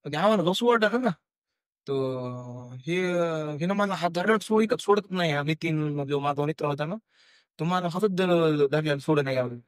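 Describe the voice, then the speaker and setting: A young Marathi-accented man telling a true ghost story on a podcast, halting with fillers and restarts and acting out what people said. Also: fairly high pitch, clear, resonant tone, no room sound, clean studio sound. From India. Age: young adult. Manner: halting, many fillers and restarts, acts out quoted dialogue. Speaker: guest storyteller.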